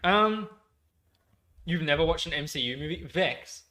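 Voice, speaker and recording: A man's voice: a little high, expressive, measured pace, bright, forceful tone. A man co-hosting a casual podcast livestream, chatty, laughing often and swearing casually. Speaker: podcast co-host.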